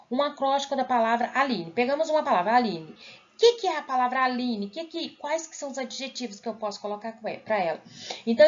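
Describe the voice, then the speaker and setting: Brazilian woman teacher, higher voice, patient, checks in with kids a lot, muffled home recording. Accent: Brazilian Portuguese. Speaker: schoolteacher. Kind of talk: recorded lesson correcting homework. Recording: dull lo-fi audio.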